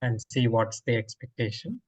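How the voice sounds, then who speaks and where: A man chats easily with colleagues about the plans for a session. His voice is husky and sits at a middle pitch. He talks in a relaxed, casual way. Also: moderate pace. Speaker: church discussion participant.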